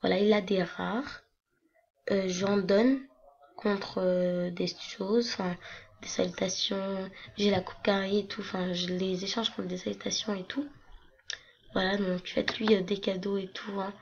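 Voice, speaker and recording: A young woman with a hoarse voice, chatting casually and rambling with many fillers as she walks through her game accounts on a screen recording. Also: mid-range voice, fairly even intonation, unhurried. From France. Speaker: gaming vlogger. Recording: lo-fi computer mic with faint noise.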